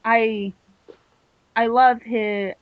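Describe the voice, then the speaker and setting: A woman co-hosting a casual fan podcast, giving opinionated, animated asides. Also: a little high, very slow, dry recording. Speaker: podcast co-host. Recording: dull, dry lo-fi sound.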